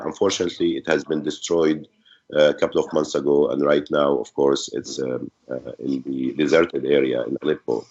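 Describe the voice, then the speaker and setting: A middle-aged man from Syria, a physician, introducing himself on an online panel in a measured way with many fillers. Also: rumbling low, darkish tone. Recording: muffled online call audio.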